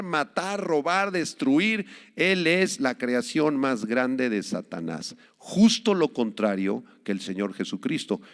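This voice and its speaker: A male pastor preaching a sermon emphatically, with dramatic swings in loudness, recorded in a reverberant hall. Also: fairly high pitch.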